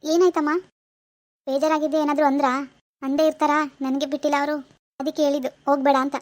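A woman voicing a calm, concerned mother-in-law. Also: high-pitched, fast talker, voice pushed down, natural voice. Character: caring older mother-in-law. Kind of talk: animated village drama voice acting.

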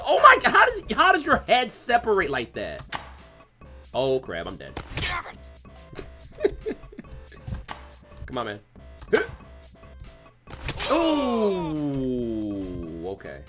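A man doing let's play commentary, excitable and yelling at the game. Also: a little high. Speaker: gamer.

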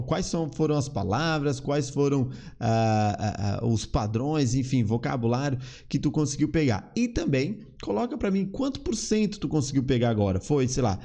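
A man's voice: mid-range voice, mellow. A man from Brazil, teaching English in a chatty way and repeating words to drill pronunciation. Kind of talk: casual online English lesson.

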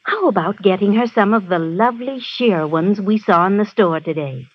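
An actress playing a kindly, advising aunt in a 1930s radio advertisement, with a breathy voice. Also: female voice, medium pitch, normal speed, natural voice. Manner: gentle and advising. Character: kindly aunt giving advice. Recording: dull old radio broadcast.

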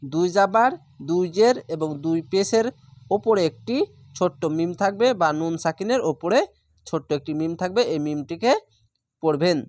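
A man teaching Quran reading who spells out each letter and vowel mark before slowly reciting the whole word. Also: high voice, a little mellow, no echo, studio quality. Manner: draws out recited words slowly.

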